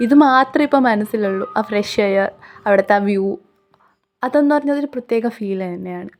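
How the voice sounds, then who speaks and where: A woman with a Kerala accent and a medium-pitched voice narrates a travel vlog at a moderate pace, her casual voice-over mixing English words into Malayalam. Music plays behind her, and the background is noisy.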